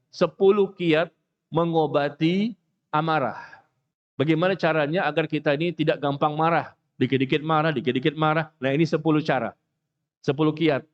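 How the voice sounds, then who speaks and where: A man giving a mosque lecture, animated and joking, acting out the people he talks about. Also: a little high, lo-fi sound. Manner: animated, jokes, acts out quoted speakers. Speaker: preacher.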